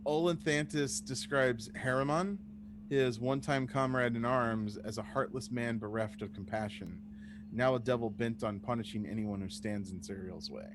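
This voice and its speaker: A man's voice: medium pitch, normal speed. A man narrating a tabletop game as the game master. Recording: noisy voice recording with hum.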